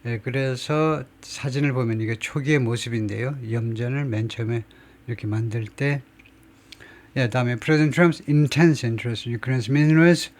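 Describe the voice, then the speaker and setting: Middle-aged male English teacher, mid pitch, slow deliberate reading of English, chatty explanations with fillers. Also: darkish tone. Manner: reads English slowly, explains in Korean with frequent fillers. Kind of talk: line-by-line news article lesson.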